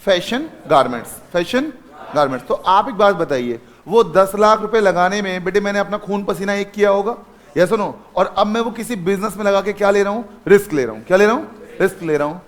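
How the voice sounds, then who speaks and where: High-voiced man teaching accounting to a class. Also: fairly quick. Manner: calls students son, asks and repeats answers. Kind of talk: classroom lecture.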